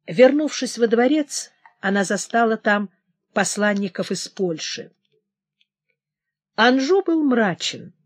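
A woman giving a dramatic, expressive audiobook narration of a historical novel. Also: a little high, slow, pauses often, no echo, studio quality.

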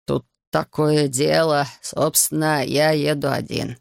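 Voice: medium pitch, fairly even intonation, creaky, no room sound, clean studio sound. A reader doing a tearful old village elder. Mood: hesitant. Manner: slow, pleading, whining.

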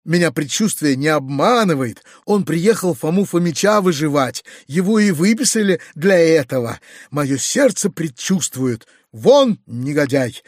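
A man's voice: on the high side, animated, unhurried, no echo. A bossy, suspicious old woman, as a male reader puts her on, scolding shrilly and cutting everyone off. The voice is dry and close to the mic. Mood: indignant. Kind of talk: audiobook character voice.

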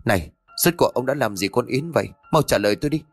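A man voicing a nervous young male gambler who talks in an agitated, quick, pleading way. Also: mid-range voice, expressive, slightly rough, faint music behind. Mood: alarmed.

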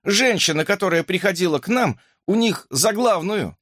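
A man's voice: sits high, expressive, normal speed, fairly bright tone, no echo, studio quality, pitched above the performer's own voice. Man doing an urgent frightened boy. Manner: urgent, pleading.

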